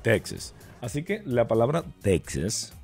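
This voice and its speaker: A male radio announcer giving a casual explainer, animated and full of rhetorical questions. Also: low-pitched, normal speed, faint music behind.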